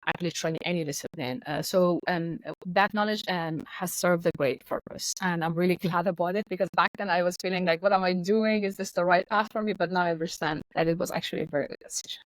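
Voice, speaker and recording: Lower-voiced woman. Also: steady tone, fast talker, hardly any pauses, no echo, poor audio. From Iran. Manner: articulate, assured explanations. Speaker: guest. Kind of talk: podcast interview.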